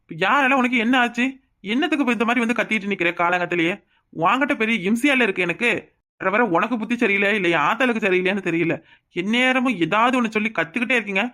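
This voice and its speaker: A woman's voice: on the high side, quick pace, bright, forceful tone. A woman voicing a defensive, exasperated middle-aged village husband in a cartoon, with a Kanyakumari Tamil accent. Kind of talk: cartoon voice acting.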